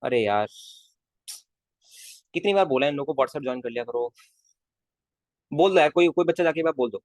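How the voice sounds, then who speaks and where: A man's voice: mid-range voice, lively intonation, a little fast, a little mellow, no echo. A male physics teacher in a casual live class, coaxing his students with constant questions and calling them kids. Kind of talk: live online class lecture.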